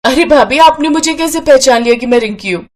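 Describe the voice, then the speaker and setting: A sweet-seeming but sly young twin sister in a cartoon story, as a woman puts her on. Her voice runs a little high, soft and teasing. She is gentle on the surface with a crafty streak. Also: brisk, natural voice.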